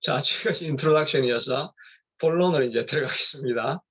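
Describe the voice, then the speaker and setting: A man's voice: mid-range voice, quick pace, fairly bright tone, breathy edge, muffled recording. A middle-aged male pastor giving a rambling, conversational sermon with many fillers and restarts.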